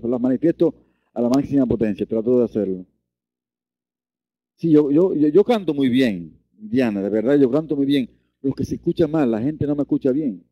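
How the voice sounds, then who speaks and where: Man, deep low voice, earnest Reiki teacher, restarts words, dull dry recording. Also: no room sound. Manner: earnest, repeats and restarts words, self-mocking. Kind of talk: online lesson.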